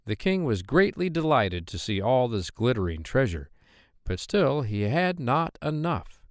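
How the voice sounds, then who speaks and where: A man narrating a children's fairy tale, with expressive, measured storytelling. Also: medium pitch, dry recording, clean studio sound. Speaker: audiobook narrator.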